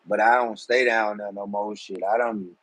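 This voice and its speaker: Husky-voiced man in his forties. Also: on the low side, steady tone, moderate pace, a bit bright, no room sound, low-quality recording. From Georgia, USA. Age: 40s. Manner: loose, rambling, streetwise slang. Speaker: livestream host. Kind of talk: casual live-stream chat with viewers.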